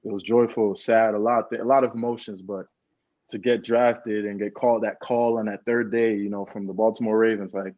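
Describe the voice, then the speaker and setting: An earnest young American man tells his story in a low, fairly flat voice, repeating his key phrases. He sounds dull and lo-fi, and the room around him is dry. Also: fairly quick, no echo. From United States. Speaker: guest, pro football player. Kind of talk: casual interview storytelling.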